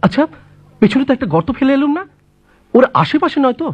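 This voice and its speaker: A man's voice: very high-pitched, sing-song, fast talker, husky, heavily acted. An actor playing a deferential, slightly flustered young man in a comic audio drama. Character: hesitant, dutiful young nephew-like male companion. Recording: dull lo-fi recording.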